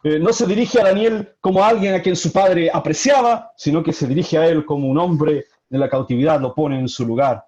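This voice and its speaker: Pastor guy preaching, high voice, emphatic, dull lo-fi sound. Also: a little mellow. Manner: emphatic preaching, slows down for key points. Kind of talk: sermon. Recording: dull lo-fi recording.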